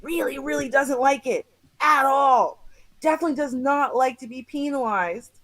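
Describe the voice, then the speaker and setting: Animated high-pitched woman host. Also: normal speed, dry recording, low-quality recording. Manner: animated, mimics people with exaggerated voices, laughs often. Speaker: show host. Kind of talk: casual reaction commentary.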